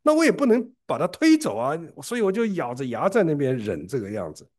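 A man from preaching a sermon, telling a story in an animated way and often repeating and restarting words. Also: fairly quick. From Shanghai, China. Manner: animated storytelling with big pitch swings and frequent repeated restarts.

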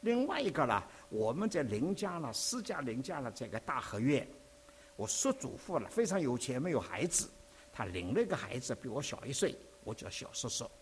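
A preacher from Dinghai, Zhejiang, China, gives a sermon with personal testimony, recounting his own experiences as an expressive, conversational storyteller. His mid-range voice leaps up and down with lively intonation at normal speed. There's slight background noise.

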